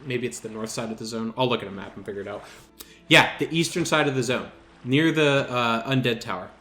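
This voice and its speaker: A man hosting a gaming channel, telling a story over gameplay in an animated, exasperated and self-mocking way. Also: medium pitch, brisk, faint music behind.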